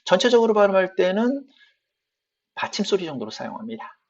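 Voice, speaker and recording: A man teaching English pronunciation in an online lesson, explaining patiently and repeating example phrases slowly. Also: high voice, very animated, lo-fi sound, crowd noise.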